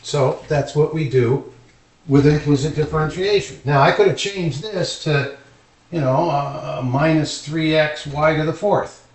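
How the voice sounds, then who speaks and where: Standing at a board indoors, a man teaches calculus casually, reasoning out loud as he explains each step. His voice is a little high and his pace measured. The sound is echoey, captured from a distant microphone.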